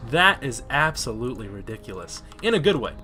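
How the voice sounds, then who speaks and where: A man's voice: medium pitch, big pitch swings, fairly quick, music in the background. A young man casually commenting on his gameplay, chatty and joking, swearing freely. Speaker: gaming host.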